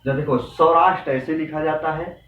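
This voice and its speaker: A young man teaches Hindi spelling for exams, repeating each right and wrong form in an earnest, motivating way. His voice sits a little high. The recording is dull and roomy, with the mic some way off and faint noise underneath. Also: steady tone, normal speed. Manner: earnest, repetitive, drilling correct and wrong forms; motivating, addresses students directly. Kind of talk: exam-prep spelling lesson. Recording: echoey room, from a distance, dull sound with faint noise.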